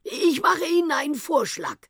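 A woman voicing an excitable, eccentric old male professor in a storybook reading, with a high, fussy, emphatic delivery. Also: normal speed, creaky, dry recording, studio quality, full character voice. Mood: excited.

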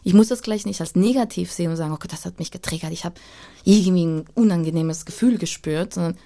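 Speaking quickly with vocal fry and a dark tone in a lower register, a Spanish woman in her thirties, Spanish her native language, tells personal stories as a guest in a casual interview. She's reflective and relaxed, her phrases loose and searching.

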